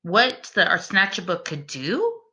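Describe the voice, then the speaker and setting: An animated teacher with a bright, mid-range voice shares a picture book aloud with children. She reads expressively and with care, turning to her young listeners directly and posing questions to them.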